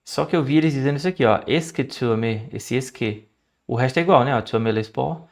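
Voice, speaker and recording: A man with a Brazilian Portuguese accent, chatting through his language study notes in a casual, explanatory way. He slows down to sound out foreign words and keeps checking in with "right?". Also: mid-range voice, vocal fry.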